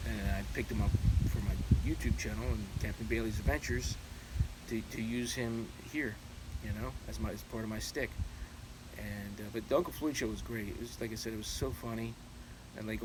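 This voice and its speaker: A man in his forties chats casually and haltingly to his viewers, rambling through anecdotes and repeating himself as he goes. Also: on the low side. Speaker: YouTube channel host. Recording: clearly noisy, steady background ambience.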